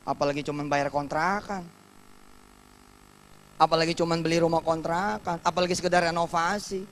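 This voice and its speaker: A male preacher giving a televised sermon as a story, moving from hushed telling to fervent exclamation. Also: fairly high pitch, steady tone, moderate pace, a little hiss or hum.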